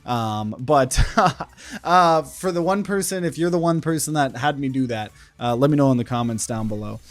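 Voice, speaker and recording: A content creator in his 20s, with a mid-range voice at normal speed, talks to a desk camera in an indoor room. His vlog is loose and rambling, packed with fillers and restarts.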